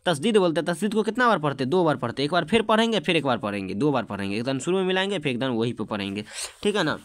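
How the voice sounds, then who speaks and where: High-voiced man teaching. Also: very animated, racing, fairly bright tone, dry recording. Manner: explains by repeating terms and asking the class questions. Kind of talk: exam-prep lesson.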